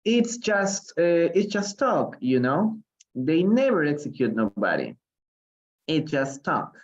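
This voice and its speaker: A man's voice: on the high side, sing-song, lo-fi sound, pitched above the performer's own voice. A man voicing a sleepy, offhand griffin while reading a storybook aloud. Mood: sleepy, dismissive. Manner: sleepy, drawn-out delivery. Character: drowsy male griffin creature, lazy and offhand.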